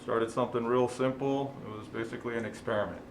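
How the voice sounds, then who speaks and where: A friendly man from Chile who owns a restaurant, talking in a rambling way full of ums and uhs. His pitch is medium for a man, and a roomy studio echo with faint hiss surrounds him. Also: fairly even intonation, fast talker. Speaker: restaurant owner. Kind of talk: interview.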